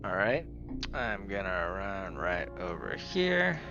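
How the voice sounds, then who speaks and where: A man playing a tabletop game, speaking in a low-key, understated way. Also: very animated, slow, highs cut off, music in the background. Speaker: player.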